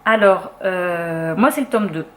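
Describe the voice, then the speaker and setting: A woman's voice: fairly low pitch, measured pace. A young French woman chatting casually as a book vlogger, full of fillers and restarts. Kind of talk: casual chat.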